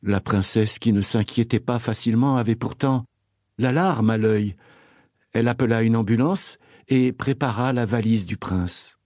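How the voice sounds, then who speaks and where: A man narrating a children's audiobook in a gentle, playful storytelling manner. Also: mid-range voice, normal speed, dry recording, studio quality.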